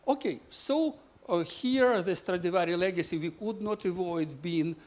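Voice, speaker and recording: A man from Ukraine presents his physics book in a talk. His voice sits a little high. He speaks halting English and keeps pausing on "uh" as he hunts for words. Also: darkish tone. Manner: halting non-native English with many "uh" fillers.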